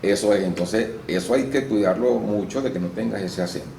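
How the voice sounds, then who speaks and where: A man's voice: lowish voice, fairly quick, vocal fry. A man, an actor and voice-over artist in a casual interview, explaining at length and with some restarts. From Venezuela. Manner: explanatory, lively storytelling with restarts. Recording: roomy room with faint noise.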